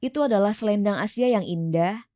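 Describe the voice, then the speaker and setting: Speaking fairly quickly in a dark, medium-pitched voice, a middle-aged woman from East London, England, shares her life story as an interview guest. Her account is earnest and reflective. The studio sound is clean, with no echo.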